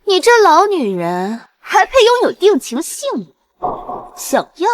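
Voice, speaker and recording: An actress playing an arrogant, spiteful young mistress who taunts and shouts. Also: female voice, wildly swooping pitch, unhurried, exaggerated voice. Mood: sneering. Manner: sneering, taunting, shrill. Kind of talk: short drama acting.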